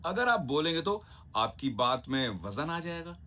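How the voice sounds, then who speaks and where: A man's voice: on the high side, very animated, bright, forceful tone. A man giving a Hindi diction lesson, stretching out each example word and checking in with his listeners. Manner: drawn-out, carefully enunciated example words; chatty, asks listeners "ठीक है?" and "है ना?". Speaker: diction teacher.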